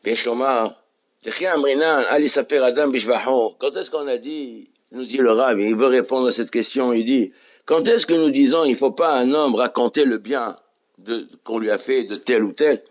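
A man's voice: mid-range voice, normal speed, highs cut off. A man giving a Talmud lesson, reading Hebrew and Aramaic passages and explaining them in French, with frequent restarts. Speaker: Torah teacher.

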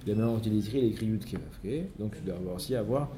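A man's voice: fairly low pitch, rapid-fire, background noise. A man teaching a Torah study lesson, explaining step by step and mixing in many Hebrew terms.

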